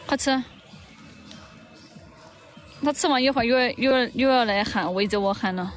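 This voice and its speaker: A woman's voice: a little high, moderate pace, faint music behind. A woman hosting a casual livestream in an outdoor park, chatting, teasing and cooing in baby talk on a handheld phone. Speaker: livestream host.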